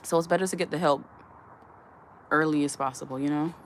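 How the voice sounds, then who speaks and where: An adult woman hosts a casual live stream, reading viewer comments aloud and answering them with earnest advice. Her low voice moves briskly with fairly even intonation, and there's slight background noise.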